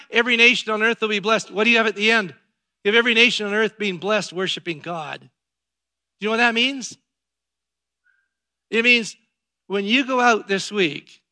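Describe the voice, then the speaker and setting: A pastor preaching a sermon to his congregation, emphatic and building to loud exhortation. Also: high voice.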